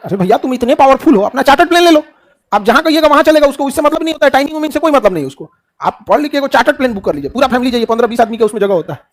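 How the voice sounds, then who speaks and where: Fast-talking Bihari teacher, man. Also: extremely high pitch, expressive. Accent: Bihari Hindi. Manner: rhetorical questions answered himself, colloquial, joking. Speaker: teacher giving a speech. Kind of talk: motivational speech to students.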